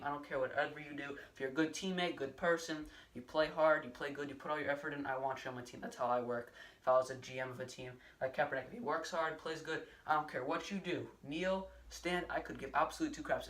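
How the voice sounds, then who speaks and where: A man's voice: fairly high pitch, a bit bright, recorded from a distance. A young man giving a casual, rambling solo sports recap with many fillers and restarts. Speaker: sports vlogger.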